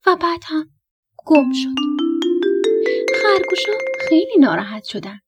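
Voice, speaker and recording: A woman narrating a bedtime story for children in an animated, playful way. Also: sits high, over music. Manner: animated, playful, breaking into laughter.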